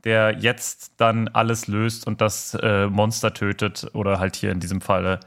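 A man's voice: fairly low pitch, completely flat delivery, moderate pace, gravelly, fairly bright tone. A man co-hosting a podcast, musing in casual chat with hesitant restarts and fillers. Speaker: podcast co-host.

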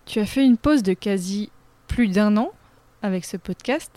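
Woman podcast interviewer, mellow dark tone, encouraging questions. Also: mid-range voice, measured pace, dry recording.

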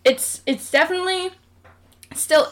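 A woman on a casual podcast, talking haltingly while eating a spicy food dare. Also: very high voice, a bit bright. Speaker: podcast co-host doing a food challenge. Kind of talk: casual chat.

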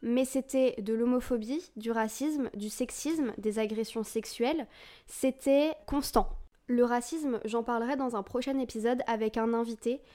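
A French woman in her twenties hosts a podcast and tells her own story in a personal monologue, candid and confessional, casual and full of fillers. Her voice is mellow and fairly high, at a moderate pace.

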